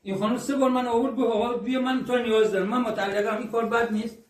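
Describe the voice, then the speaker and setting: A man with a high voice pleads insistently, repeating the same words over and over. He is recorded from a distance in an echoey room with faint noise behind him. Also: steady tone. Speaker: accused man in a confrontation. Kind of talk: heated confrontation.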